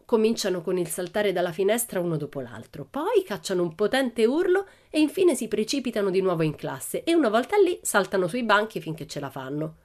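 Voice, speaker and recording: A woman reading aloud who voices a cheeky, boastful little girl spinning tall tales in a playful, bright way. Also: medium pitch, sing-song, brisk, few pauses, voice pushed up, natural voice. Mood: playful boasting.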